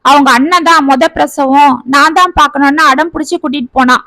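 Lady doing an older mom, earnest and pushy, high voice. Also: steady tone, fairly quick, bright, forceful tone, dry recording. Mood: insistent. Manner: earnest, insistent. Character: caring older mother-in-law, devoted and insistent.

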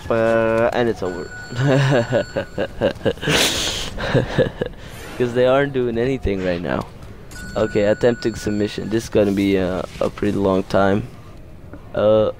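A man commentating his own fighting-game playthrough in a casual let's-play style, getting excitable and yelling at the game during fights. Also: on the low side, slight background noise. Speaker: gaming commentator.

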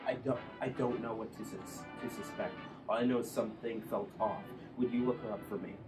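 A man doing a hard-boiled private eye in a noir radio play, asking short, wary questions. He sounds distant in an echoey room, with loud music behind him. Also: fairly low pitch, fairly even intonation, a little fast, natural voice.

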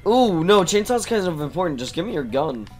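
A man playing a co-op game with a friend, chatting in quick back-and-forth with jumpy reactions. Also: sits high, sing-song, darkish tone. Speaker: co-op player. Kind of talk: co-op gaming chat. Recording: faint game music behind.

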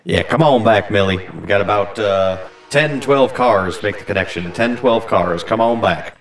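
A man putting on a loud, clipped walkie-talkie voice to call in a rail crew. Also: on the low side, normal speed, lightly acted. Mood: commanding. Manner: loud, clipped radio calls.

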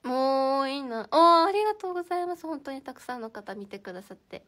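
A woman's voice: high-pitched, big pitch swings, fast talker, a bit bright. A young woman hosting a casual livestream from indoors, chatting and giggling as she reacts to viewer comments. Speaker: idol livestream host.

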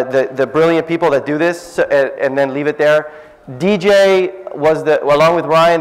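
Speaking loudly at a medium pitch, the middle-aged man delivers a lively science talk full of self-deprecating jokes. The audience is in a cafe event space indoors, and the recording carries noticeable echo.

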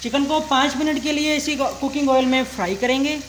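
A man's voice: very high-pitched, fairly even intonation, a little fast, noisy background. A young man hosting a cooking channel, explaining a recipe step by step in a polite, formal way with religious greetings.

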